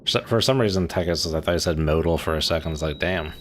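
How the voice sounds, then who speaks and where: A young streamer from Maryland, USA chats casually with his viewers while playing a game, laughing a lot and swearing lightly. His voice is extremely low and fast, and there is a slight hiss or hum in the audio.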